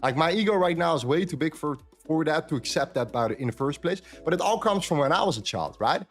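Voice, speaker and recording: This casual live-stream chat comes from a man from the Netherlands who speaks openly about trading, repeating phrases to drive points home. He talks quickly in a higher register with lively intonation, over soft background music.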